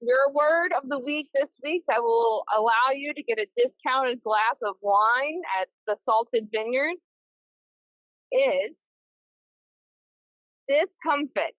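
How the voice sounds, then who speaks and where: Woman co-host on a speakerphone line, higher voice, dull lo-fi sound, hesitant. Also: slow, pauses often, no room sound. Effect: heard over a phone on speakerphone. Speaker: podcast co-host calling in. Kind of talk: casual chat.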